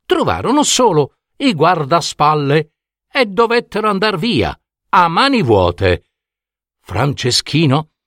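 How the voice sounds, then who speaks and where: A man with an Italian accent narrating a fairy tale in an expressive scripted reading. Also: medium pitch, dry recording, studio quality. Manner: expressive, unhurried. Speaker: storyteller.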